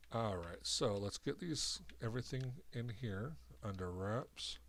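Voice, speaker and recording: A man's voice: on the low side, a bit bright, slight background noise. A man with a cold streaming a video game, rambling and thinking aloud as he sets things up. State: sick with a cold, coughing. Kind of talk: casual commentary while setting up a video game.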